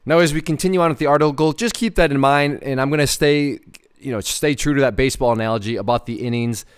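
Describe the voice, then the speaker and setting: This man, in his thirties, talks fast and smoothly at a medium pitch while hosting informal commentary on a personal finance article. He reads portions of it aloud, speaks conversationally, and drives home his points with emphasis and repetition.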